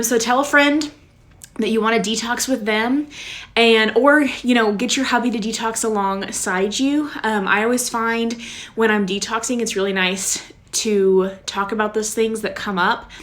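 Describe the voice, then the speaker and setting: A woman's voice: mid-range voice, fairly bright tone. A young woman chatting casually on a home live stream, bubbly and talkative, checking in often with her viewers. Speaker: wellness vlogger.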